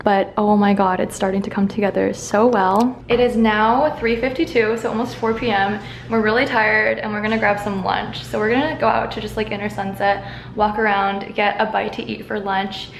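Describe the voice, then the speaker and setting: A woman's voice: mid-range voice, fairly even intonation, moderate pace, gravelly. Chatty young woman vlogging, noisy. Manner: chatty, upbeat, filler-heavy. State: tired, out of breath at times. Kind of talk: casual vlog narration. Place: around the city, indoors and outdoors. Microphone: handheld camera mic.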